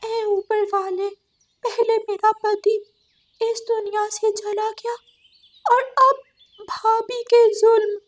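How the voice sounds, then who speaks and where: A grieving young widowed crow from a cartoon, tearful and pleading, her voice climbing very high as she cries out, as a woman puts her on. She sounds meek and heartbroken. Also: flat delivery, takes it slowly. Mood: wailing.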